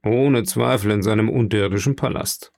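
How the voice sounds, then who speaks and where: A man's voice: on the low side, normal speed, creaky, darkish tone, no echo, studio quality. A man voicing a grown sailor who answers respectfully and evasively. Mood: guarded. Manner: respectful, addresses his listener formally. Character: adult male sailor, guarded and evasive.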